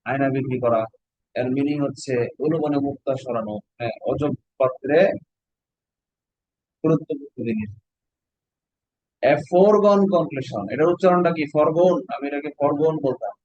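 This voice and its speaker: A man's voice: on the high side, moderate pace, long pauses, a little mellow, dry recording, rough recording. A Bangladeshi man teaching an online exam-prep class, explaining step by step and quizzing his students with questions.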